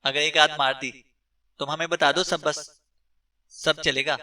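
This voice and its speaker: A man's voice: on the high side, little pitch movement, a little slow, bright, forceful tone, far from the mic. A man doing jeering, crude henchmen. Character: rough male henchmen, mocking and crude.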